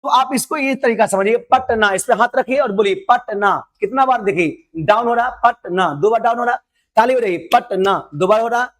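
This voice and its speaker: Casting: a male tutor with a high voice who repeats his explanations patiently for exam students. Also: a little fast, hardly any pauses, fairly bright tone. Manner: repetitive, coaxing explanation with English terms mixed in. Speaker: teacher. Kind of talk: online exam-prep lesson.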